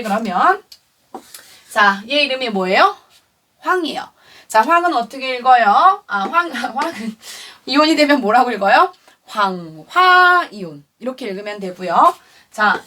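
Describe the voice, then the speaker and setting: A woman's voice: fairly high pitch, pushed and bright, distant mic. A woman teaching a chemistry lesson to a class, who keeps asking questions and then answers them herself. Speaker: science teacher. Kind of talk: classroom lecture.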